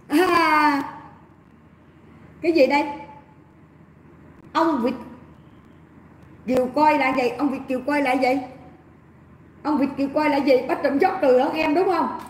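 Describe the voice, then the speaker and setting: A woman's voice: high voice, slight background noise. A woman with a Southern Vietnamese accent hosting a livestream, chatting in a gossipy, mocking way and addressing her viewers as family, recorded in an echoey room. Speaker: livestream host. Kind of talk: casual livestream commentary.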